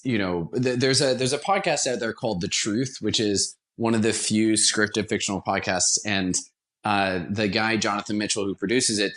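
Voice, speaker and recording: A radio theater producer appears as a guest on a casual podcast interview, speaking in a lowish, fairly bright voice. He comes across enthusiastic and conversational.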